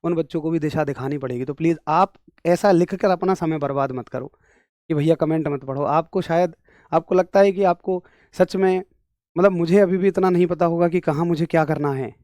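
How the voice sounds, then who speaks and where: A man's voice: on the high side, a little fast, a little mellow, no echo, studio quality. A young man teaching a physics class online, emphatic and direct, repeating key points to his students. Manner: emphatic, scolding then explaining step by step.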